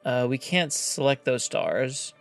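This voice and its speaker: A man's voice: medium pitch, sing-song, slow, creaky. A man hosting a let's play, musing aloud casually and reading game text as he plays. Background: faint game music.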